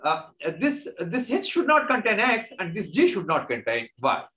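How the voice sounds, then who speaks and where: A man with an Indian accent giving an unscripted maths lecture, halting and repeating phrases slowly as if dictating. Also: high-pitched, wildly swooping pitch, sharp tone. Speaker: mathematics lecturer.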